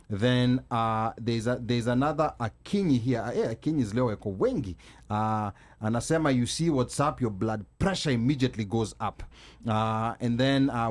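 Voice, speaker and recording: A man with a Kenyan accent hosting a live call-in talk show in a halting delivery full of fillers. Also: medium pitch, a little mellow.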